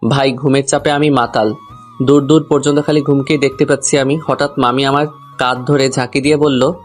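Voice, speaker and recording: A man who is both narrator and lead of a comic first-person love story speaks a little fast in a mid-range voice with little pitch movement, music playing softly under him. He grumbles and confides, addressing the listener directly within a fairly contained range.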